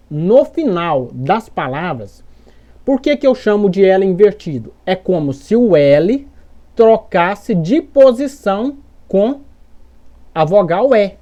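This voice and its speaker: A woman's voice: mid-range voice, warm tone, lo-fi sound. A Brazilian woman teaching English pronunciation in a patient explanatory way, repeating examples and checking in often. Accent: Brazilian Portuguese. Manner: patient, repeats examples, keeps asking "beleza?". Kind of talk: explanatory lesson.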